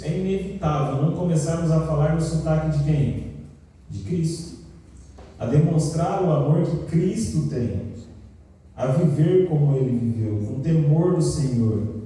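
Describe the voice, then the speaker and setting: A man's voice: a little high, slight background noise. Man teaching a church class in an echoey hall. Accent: Brazilian Portuguese, São Paulo. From São Paulo state, Brazil. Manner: asks the class questions and answers them, animated storytelling. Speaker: Sabbath school teacher. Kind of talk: church Bible lesson with questions to the class. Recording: echoey hall recorded from a distance.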